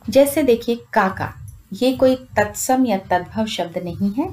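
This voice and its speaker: A woman's voice: a little high, expressive, measured pace, a little mellow. A woman giving a grammar lesson, explaining each example word carefully and addressing viewers as friends. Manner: lists example words one by one. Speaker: teacher.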